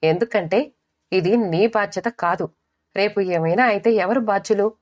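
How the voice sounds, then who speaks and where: A woman's voice: medium pitch, normal speed, a little mellow, close to an everyday voice. A woman voicing an impatient young husband who talks down to his wife in an audiobook story. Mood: condescending. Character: dismissive young husband, condescending.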